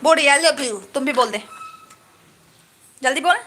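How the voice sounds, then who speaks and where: A woman's voice: sits high, normal speed, sharp tone, slight background noise. A woman hosting a casual live stream from home on a phone camera, chatting and thanking viewers one by one.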